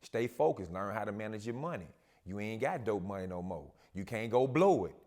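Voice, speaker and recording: Calm, low-voiced man as a talk show guest. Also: fairly quick. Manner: calm, steady, reflective talk with Southern slang. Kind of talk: casual talk show conversation.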